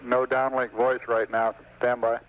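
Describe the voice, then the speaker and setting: A man's voice: mid-range voice, flat delivery, a little slow. A man working as a mission control radio operator, speaking in clipped radio protocol over a crackly, static-filled transmission. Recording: noisy, dull archival radio link.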